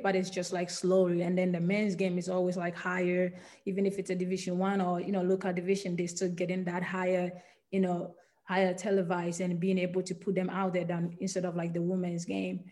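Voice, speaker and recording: A woman's voice: lowish voice, monotone, brisk, dark tone. A woman in her twenties from Ghana, with a Ghanaian accent touched by American English, answering podcast questions earnestly with many fillers and restarts. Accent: Ghanaian with American influence. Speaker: professional footballer guest. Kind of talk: podcast interview.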